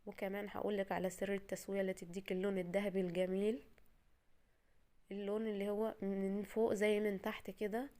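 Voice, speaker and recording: Her voice is mid-range and dark, moving little in pitch and going at a quick pace, with the tiredness of a cold in it. She's an Egyptian woman with an Egyptian Arabic accent hosting a home cooking segment, chatting reassuringly through each step of a recipe.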